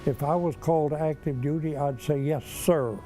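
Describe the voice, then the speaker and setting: A hundred-year-old man, a veteran remembering his past in a halting, reflective interview. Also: on the high side, fairly even intonation, warm tone. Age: 100. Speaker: World War Two veteran interviewee. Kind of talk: personal reminiscence in an interview. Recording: music bed behind the voice.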